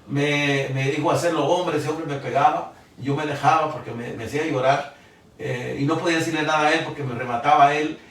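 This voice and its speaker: A man in his sixties from Guatemala, gives an emotional sermon testimony, halting with repeated restarts. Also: on the high side, fairly bright tone. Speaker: preacher. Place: church hall. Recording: echoey church from far off.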